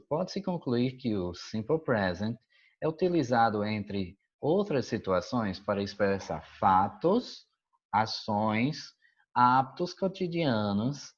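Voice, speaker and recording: Husky-voiced Brazilian man teaching English. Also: mid-range voice, expressive, slow pace, muffled recording. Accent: Brazilian Portuguese. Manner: patient, checks understanding often. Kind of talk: explaining a school worksheet.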